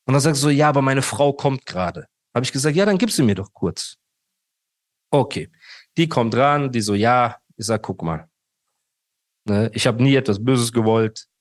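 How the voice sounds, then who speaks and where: A guest in a casual interview tells his long story in an animated way, acting out other people's dialogue and often saying "Bruder." His voice is mid-range at a moderate pace, and the clean studio recording has no echo.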